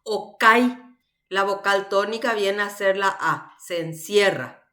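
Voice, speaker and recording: A woman leads an online university class through her computer mic. She speaks slowly and deliberately, with a bright, forward tone. She keeps checking that her students follow, step by step. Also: mid-range voice. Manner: patient, explains step by step with checking questions. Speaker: university language teacher.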